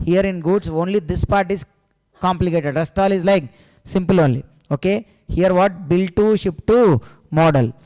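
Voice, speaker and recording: A South Indian man teaches a revision class in a clear, fairly high voice. He asks short questions and answers them himself, repeating key phrases and often adding "sir". The sound carries a long, hall-like reverb. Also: normal speed, warm tone. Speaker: tax exam coaching teacher.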